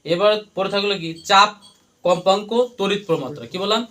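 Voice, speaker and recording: A male teacher with a high, bright voice races through a classroom lesson. He drills his students by asking the same questions again and again so they chant the answers back. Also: a little fast. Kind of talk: classroom lesson with call-and-response.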